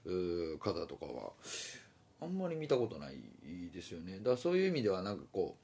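Man, Kansai accent, very low voice, casual solo talk, rambling, lots of fillers. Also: huge pitch swings, a little fast, creaky, dark tone. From Osaka. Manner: meandering, many fillers and hesitations.

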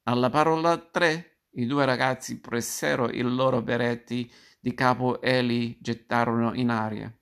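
A man's voice: medium pitch, steady tone, measured pace, gravelly, fairly bright tone, clear, resonant tone. Man reading a fairy tale aloud. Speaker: narrator.

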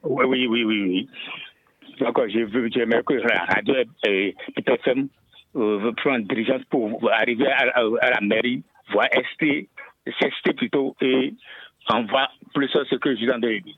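A man calling in to a radio show, talking haltingly with many fillers and repeated words. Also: medium pitch, slightly rough. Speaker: caller. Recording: tinny phone line.

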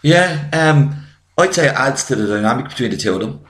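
A man from Ireland co-hosting a casual film chat, eager and quick to jump in. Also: medium pitch, lively intonation, fairly bright tone. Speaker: podcast co-host. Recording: echoey room.

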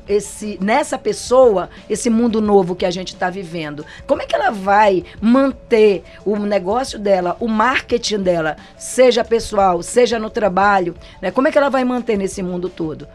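A woman's voice: mid-range voice, normal speed, a little mellow, soft background music. A Brazilian woman giving a casual motivational talk as a business trainer, chatty and often checking in with her listeners. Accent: Brazilian Portuguese. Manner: chatty, frequent tag questions. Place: studio set for a program.

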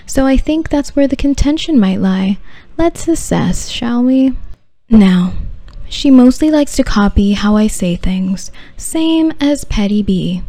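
Woman, podcast narrator, sultry tone, soft mellow timbre, arch wry phrasing, scripted storytelling, very dry recording. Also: on the high side, no room sound. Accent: no discernible regional accent. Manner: sultry delivery. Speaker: podcast host.

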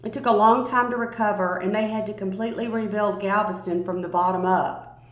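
A woman narrating a first-person story aloud in a calm, measured reading voice. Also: mid-range voice. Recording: roomy, echoey recording.

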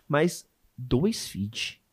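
A man hosting a casual interview, curious and animated, often stumbling and restarting questions. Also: fairly high pitch, drawn-out words, slightly rough. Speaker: podcast host.

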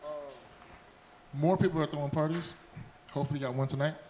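A man's voice: on the high side, steady tone, fast talker, dark tone, a little hiss or hum, low-quality recording. A man from New Jersey with an American accent, chatting casually as a guest on a talk show. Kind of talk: casual chat.

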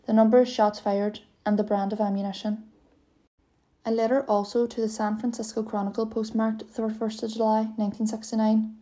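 A woman giving a scripted true-crime narration as a podcast host, reading in a steady, even way. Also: medium pitch.

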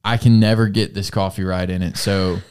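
A young man in his twenties hosts a relaxed chat podcast, with a slightly low and smooth, clear voice. He rambles, cracks jokes and laughs a lot as he talks. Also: normal speed. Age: 20s. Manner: joking, rambling, laughs often. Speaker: podcast host. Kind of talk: casual chat.

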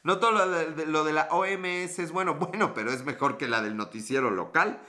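A man with a Mexican accent chats casually on a live stream, greeting viewers and replying to their comments with slang and profanity. His voice is a little high and a little fast, with a sharp tone.

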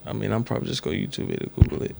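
A man's voice: fairly low pitch, very fast, vocal fry, a little mellow, a little hiss or hum. A young man co-hosting a podcast, talking in a laid-back, slangy casual chat. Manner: laid-back, slangy, keeps saying "you know what I'm saying". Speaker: podcast co-host.

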